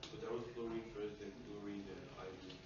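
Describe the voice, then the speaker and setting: A male student with a low voice asks the teacher hesitant questions from across the room. He sounds distant in a very echoey space, with loud noise behind and a dull, muffled tone. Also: little pitch movement, fast talker. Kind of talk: classroom question. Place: classroom. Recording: distant, very echoey, noisy classroom audio.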